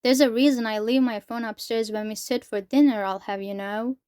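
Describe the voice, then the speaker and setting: A woman's voice: on the high side, fairly even intonation, normal speed, warm tone, smooth, dry recording, studio quality, close to an everyday voice. A woman reading a syrupy, doting mother. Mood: sugary. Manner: syrupy, generic endearments. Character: overly sweet, affectionate adult mother.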